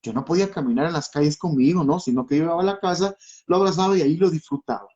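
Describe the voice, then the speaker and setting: A man's voice: fairly high pitch, very fast, darkish tone. A man, a pastor and church singer, giving an emotional testimony with impassioned storytelling, acting out quoted voices. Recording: slightly dull lo-fi audio.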